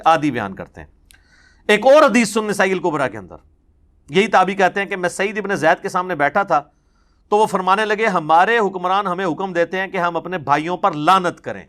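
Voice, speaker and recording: Here a religious speaker, a man with a rather high voice, preaches with intense feeling. He tells hadith and stresses them through insistent repetition.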